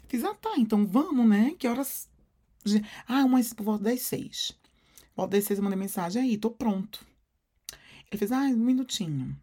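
A man with a Brazilian Portuguese accent co-hosting a podcast, telling stories in a lively way and acting out quotes. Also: sits high, normal speed, long pauses. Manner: animated storyteller, acts out quotes. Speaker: podcast co-host. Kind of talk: casual chat.

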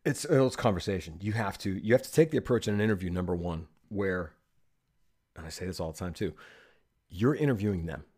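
A man's voice: sits low, animated, a little fast, darkish tone, slightly rough. A man speaking as a podcast guest, giving emphatic advice in casual conversation and checking in with "okay?" and "right?".

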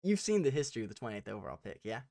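A man from Tennessee co-hosting a sports podcast in a relaxed, chatty way. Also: on the low side, racing, gravelly, dry recording, clean studio sound. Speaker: podcast co-host. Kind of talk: casual sports chat.

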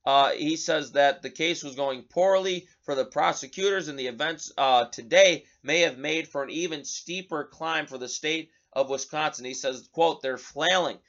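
A man's voice: on the high side, normal speed, few pauses, a bit bright, highs cut off. A male talk show host giving an indignant, sarcastic political commentary monologue, often restarting his words.

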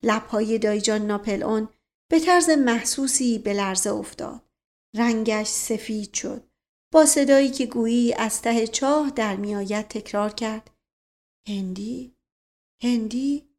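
Woman narrating a novel, measured. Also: a little high, a little mellow. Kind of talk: audiobook narration.

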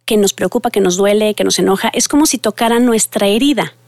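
A woman's voice: mid-range voice, fast talker, a little mellow, no room sound. A middle-aged woman therapist tells stories earnestly to an audience, speaking to them directly. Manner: earnest storytelling, addresses listeners directly. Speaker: family therapist. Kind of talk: talk to an audience.

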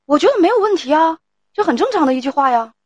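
A woman's voice: sits high, big pitch swings, quick pace, no echo, highs cut off. A woman hosting a live call-in advice stream, firmly steering and judging a caller's family quarrel. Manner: firm, talks over the caller to steer her. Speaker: livestream advice host.

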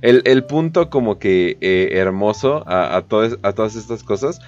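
A Mexican man hosts a comedic news podcast, his voice swinging up and down in pitch as he riffs through stories with crude slang and constant fillers. The audio is dull and lo-fi, with faint music beneath. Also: lively intonation, normal speed, darkish tone. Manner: slangy, joking, profane, lots of fillers. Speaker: podcast host. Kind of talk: casual comedic news commentary.

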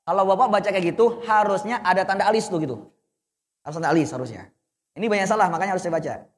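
Brief: young male recitation teacher, high voice, patient and corrective, long reverb behind. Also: quick pace. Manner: patient, corrective, demonstrates then explains. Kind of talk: teaching Quran reading to adults.

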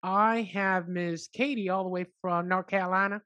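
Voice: mid-range voice, steady tone, moderate pace, bright, forceful tone. A podcast host who says they are hungover, chatting casually with a guest, loose and swearing freely. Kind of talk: casual chat.

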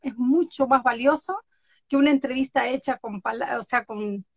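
A woman's voice: high-pitched, normal speed, breathy edge, no room sound, dull audio. A woman who hosts online interviews, chatting casually and acting out quoted voices as she tells stories. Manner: animated storyteller, acts out quotes with laughs. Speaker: interviewer on social media. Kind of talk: casual conversation.

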